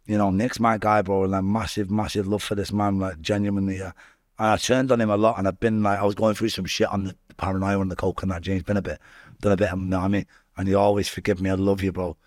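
A man's voice: low voice, flat delivery, fast, no echo, clean studio sound. Man with a Manchester accent telling stories. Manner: slangy, sweary, often addressing the listener. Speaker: interview guest, rapper. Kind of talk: casual autobiographical storytelling.

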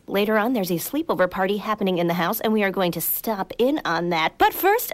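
A woman's voice: medium pitch, a little hiss or hum, natural voice. A woman voicing an eager, chatty pet dog who hosts a podcast, bouncy and easily distracted, in a children's audio comedy.

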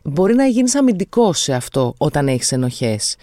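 A middle-aged woman in casual conversation, her pitch rising and falling freely as she talks. She reflects as she goes and pauses to search for words. The sound is close and dry. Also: sing-song, mellow, no echo. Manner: reflective, thinks aloud with hesitations. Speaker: guest.

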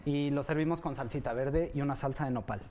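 A man's voice: medium pitch, quick pace, darkish tone, a little hiss or hum. A man, a head chef explaining his dishes in a friendly, explanatory way and ending his phrases with tag questions.

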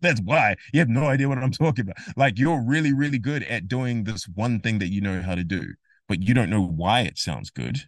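A man guest on a casual interview podcast, explaining music theory in an animated, emphatic way and acting out imagined conversations. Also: low-pitched, no room sound, clean studio sound.

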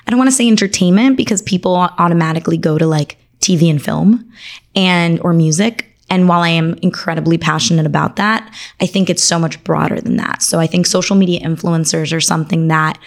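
An articulate woman guest from Argentina talks through her legal work with enthusiasm. Her voice sits a little low for a woman. She rattles off lists of services and industries in an easy conversational flow. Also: a little fast. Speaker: attorney, podcast guest. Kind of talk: conversational interview.

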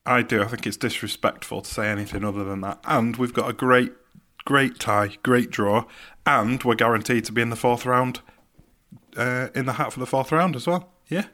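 A man's voice: mid-range voice, steady tone, moderate pace, pushed and bright. A man co-hosting a football podcast, earnest and defending his view with dry humor. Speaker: podcast co-host. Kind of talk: casual sports chat.

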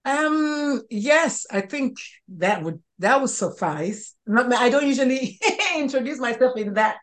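A woman in her sixties, a pediatrician and life coach, speaks as a guest in an interview conversation. Her voice is high, animated and a bit bright, her pace is measured, and she restarts often and uses many fillers.

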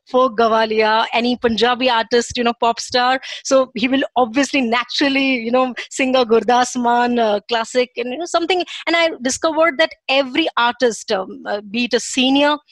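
A woman's voice: fairly high pitch, steady tone, normal speed, few pauses, no echo. A woman with a North Indian accent hosting a casual interview, effusive and slipping between English and Hindi. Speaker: podcast host.

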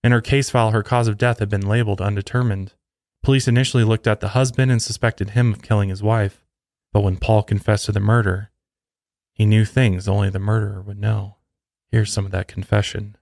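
A podcast host reads a scripted true crime story step by step in a fairly low, slightly mellow male voice. He's brisk, with fairly even intonation and some vocal fry. The sound is close and dry, with almost no room and no echo.

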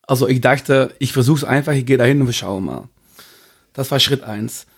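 A man's voice: medium pitch, moderate pace, slightly rough. A man from Belgium, a podcast guest speaking hesitantly and searching for words in a casual interview.

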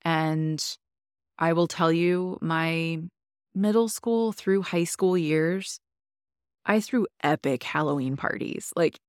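Brief: young woman podcast host, lilt, chatty and upbeat, lowish voice, dry close sound. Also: slow, smooth, no echo. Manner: chatty and enthusiastic, many likes. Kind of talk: casual chat.

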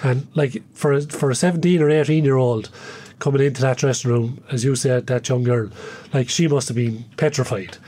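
A man's voice: medium pitch, fairly even intonation, brisk, warm tone. A man with an Irish accent reminisces casually as an interview guest, speaking in a colloquial, self-deprecating way. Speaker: interview guest, former hurling player.

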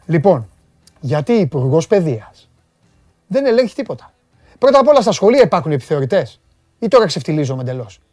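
A man with a voice on the high side hosts a sports talk show, reading viewer comments and joking animatedly with his studio crew. He pauses often, and his voice is dry and close, with faint music playing underneath.

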